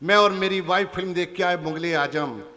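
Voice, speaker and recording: A man's voice: high voice, normal speed, pushed and bright, in a large hall. A man with a Punjabi accent, a comic poet on stage, teasing and chatting with a live audience. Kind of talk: stand-up comic poetry recital. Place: large hall before a live audience.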